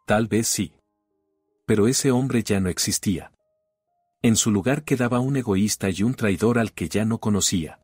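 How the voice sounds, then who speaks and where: A man giving a scripted narration of a domestic drama story in an even, measured reading. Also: fairly low pitch, husky, dry recording, clean studio sound, soft background music.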